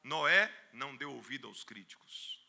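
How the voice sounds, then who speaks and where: Bright-voiced preaching Brazilian man. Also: medium pitch, expressive, moderate pace, gravelly. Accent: Brazilian Portuguese. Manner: storytelling, acts out the quoted voices, rising to loud emphatic peaks. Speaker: pastor. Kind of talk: sermon. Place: church.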